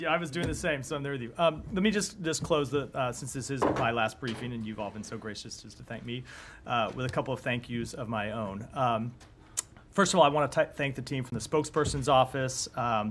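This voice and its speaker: A man addresses reporters from a briefing-room podium, his voice roughened and hoarse. He speaks in a measured way, often restarting his sentences. A faint background noise sits under the podium mic. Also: medium pitch, fairly bright tone. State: hoarse, coughing. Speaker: government spokesperson. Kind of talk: press briefing.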